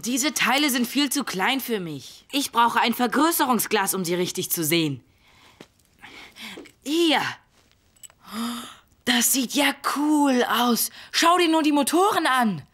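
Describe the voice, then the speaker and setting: A woman's voice: a little high, lively intonation, takes it slowly, pauses often, fairly bright tone, full character voice. A woman voicing a cheeky, eager, careless young boy in a children's cartoon. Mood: cheeky, confident. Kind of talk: German cartoon dubbing.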